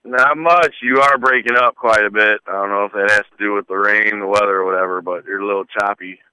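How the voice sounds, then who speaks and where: A man's voice: lowish voice, steady tone, fast, bright, forceful tone, clean tone. A man calling in to a radio talk show from his phone while driving, his voice coming through a choppy, breaking-up connection. He speaks plainly and sounds uneasy. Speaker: radio call-in caller. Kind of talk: casual call-in chat. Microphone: cell phone in a moving car. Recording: tinny phone line.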